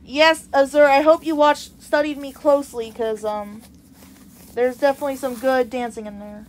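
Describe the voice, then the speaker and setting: A woman streaming a game live, reading the on-screen text aloud and reacting with excitement. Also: high-pitched, normal speed. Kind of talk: live gameplay commentary. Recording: loud insect and cricket noise behind.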